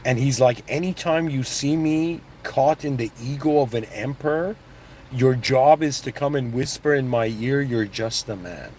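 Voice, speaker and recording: A little hiss or hum sits under this man's medium-pitched, slightly mellow voice, which moves at a moderate pace. Originally from Iran and brought up in Canada, he delivers a loose, rambling motivational talk, restarting often, adding asides and asking "you know what I mean."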